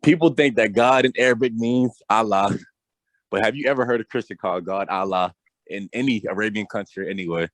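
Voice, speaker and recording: A man with a fairly low voice makes his case in an insistent, argumentative way. The recording is dry and close. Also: fairly quick, dry recording. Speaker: podcast co-host. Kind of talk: casual debate.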